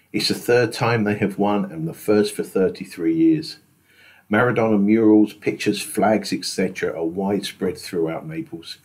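Guy doing a calm scripted travel voice-over, lowish voice, takes his time. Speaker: travel vlogger.

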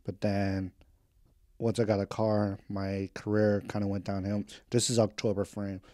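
His delivery is flat and measured, his voice fairly low and warm, as this vlogger in his twenties rambles through a home podcast catch-up. He's candid, wanders from topic to topic, and throws in slang and the odd swear. The sound is clean studio audio without any room sound.

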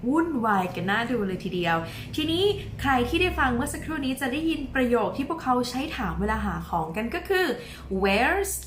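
Woman children's teacher: high voice, drawn-out bilingual coaxing, echoey room. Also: slight background noise. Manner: slow, drawn-out modelling of words for repetition; lively, sing-song coaxing of children. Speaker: English teacher for young children.

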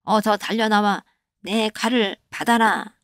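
A woman's voice: mid-range voice, a little slow, a bit bright, no echo, clean studio sound. A woman voicing timid male bandit underlings who fawn over their chief, in a comic animation. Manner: nervous, fawning.

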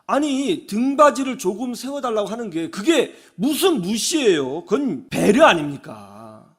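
A male pastor giving a radio sermon, telling stories in an animated way and acting out the people he quotes. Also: high voice, husky. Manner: animated storytelling, acts out quoted voices. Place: radio studio.

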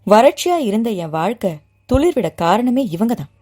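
Brief: a composed grown man, even and deliberate, read by a woman narrator, with a lively rise and fall in the voice. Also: a little high. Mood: calm. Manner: steady, unhurried and measured. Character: calm, composed grown man asking to be guardian.

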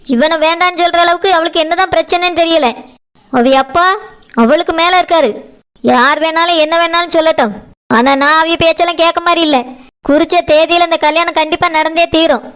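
A woman's voice: extremely high pitch, steady tone, fairly quick, a bit bright. A woman voicing a stern, domineering mother who talks in a harsh, commanding way, in a cartoon. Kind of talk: cartoon voice acting.

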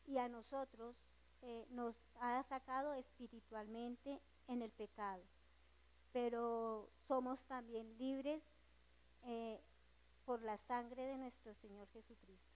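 A woman sharing hesitantly with her church prayer group, pausing often. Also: fairly high pitch, fairly even intonation, low-quality recording. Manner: hesitant, with many pauses and fillers.

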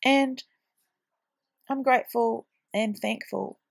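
A slow, gravelly, slightly high voice belongs to a woman in her thirties who is heavily pregnant and tired. Stuffy-nosed and snuffling from a cold, she gives a casual craft voice-over as a scrapbooking vlogger. She chats on and rambles with frequent ums.

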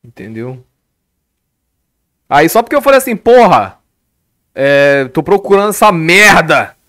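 Foul-mouthed Brazilian streamer, higher-pitched man. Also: unhurried, no echo, clean studio sound. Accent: Brazilian Portuguese. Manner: swears constantly, animated storytelling. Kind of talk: casual live-stream rant. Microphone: headset.

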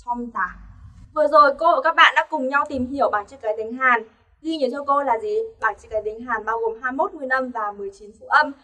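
A woman's voice: sits high, fast, pushed and bright, far from the mic. A woman teaching an online language lesson, explaining patiently and asking her learners rhetorical questions.

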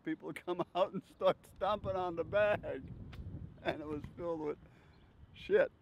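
Seated outdoors on a bench, an older man tells meandering life stories, laughing often as he goes. His voice sits on the high side with vocal fry, at a moderate pace. A handheld mic with a furry windscreen is held near his chest, giving slightly dull audio and faint outdoor noise.

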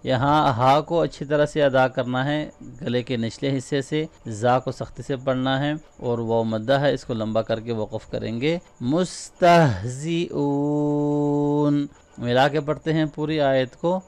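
Man, Quran recitation teacher, very smooth resonant voice, quick explanations, slow drawn-out recitation. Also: medium pitch, steady tone. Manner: explains rules quickly, then recites words slowly and drawn out.

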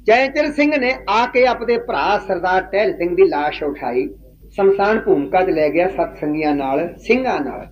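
High-voiced male storyteller, emphatic. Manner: emphatic, preachy, asks the listeners questions. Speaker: kavishari storyteller. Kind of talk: religious historical storytelling. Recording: dull lo-fi recording.

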